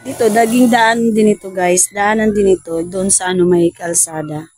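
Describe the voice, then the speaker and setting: A woman, a paranormal investigator vlogger, softly coaxing and pleading with spirits outdoors at night. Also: mid-range voice, fairly even intonation, moderate pace, no room sound, faint music behind. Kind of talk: casual ghost-hunting vlog. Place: outdoors at a bus depot at night.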